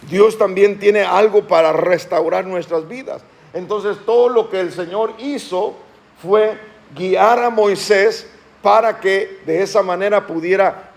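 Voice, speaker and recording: High-voiced pastor preaching to his congregation. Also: creaky, darkish tone. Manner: slows and lifts his voice when reading scripture aloud; asks the congregation questions and calls them to respond. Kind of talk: sermon. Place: church.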